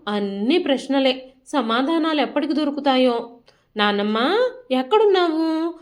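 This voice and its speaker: A woman narrates a family drama as a scripted story, measured and reflective in her delivery. Her voice sits high.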